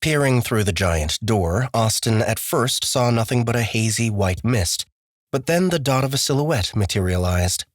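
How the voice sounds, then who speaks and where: A man narrating an audiobook with measured, steady storytelling. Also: medium pitch, dry recording, studio quality. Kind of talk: scripted narration.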